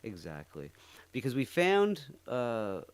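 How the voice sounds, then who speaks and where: A man hosting a reaction channel with casual live commentary, rambling and halting as he goes. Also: mid-range voice, huge pitch swings.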